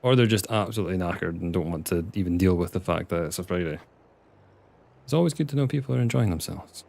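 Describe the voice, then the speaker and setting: Here the Scottish streamer sounds low, fast, creaky and darkish. Playing a farming game live, the young man keeps up casual chat with viewers, reads their comments aloud and grumbles under his breath at the game.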